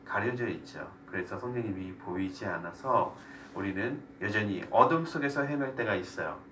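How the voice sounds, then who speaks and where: A man's voice: on the low side, lively intonation, moderate pace, fairly bright tone. A man pastor leading a Bible study sermon, asking the group questions and explaining. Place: church room. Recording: echoey room, voice from a distance, faint noise.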